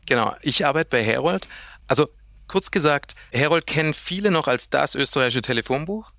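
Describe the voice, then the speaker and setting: Man, 30s, from Germany, sales director as guest; bright tone, dry close sound, lively long explanations. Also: a little high, fairly quick, creaky, no room sound. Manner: lively, explains at length with acted-out client quotes. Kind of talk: casual interview chat.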